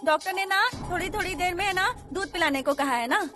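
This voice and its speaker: A woman's voice: extremely high pitch, fairly quick. A young mother cooing to a baby. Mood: soothing. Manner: soothing baby talk, cooing. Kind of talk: TV serial acting. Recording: background score music. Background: music.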